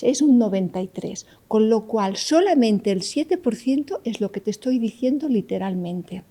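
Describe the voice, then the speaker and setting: A woman's voice: on the high side, animated, normal speed, dark tone. A woman psychologist, explaining ideas in an interview and often checking in with "¿vale?". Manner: didactic, keeps checking with "¿vale?". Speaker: psychologist guest.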